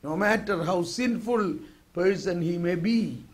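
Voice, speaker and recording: A male retreat preacher with a fairly high voice, speaking at an unhurried pace. He is emphatic, dropping to soft asides and then rising to loud exclamations. He calls on his listeners to repeat phrases back to him. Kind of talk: sermon.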